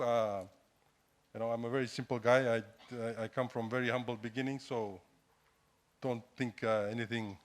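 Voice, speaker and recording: Casting: middle-aged man, Fijian accent, medium pitch, self-deprecating and conversational public speaker. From Fiji. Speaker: guest speaker, entrepreneur. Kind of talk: informal public talk to an audience. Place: indoor hall, standing at a lectern.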